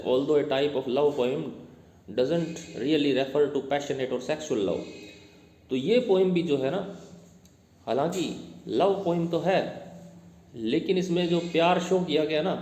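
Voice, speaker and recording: A male teacher giving a classroom lecture: he reads English text slowly, explains it in Hindi, and quizzes his students as he goes. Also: a little high, darkish tone. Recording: echoey room with long reverb.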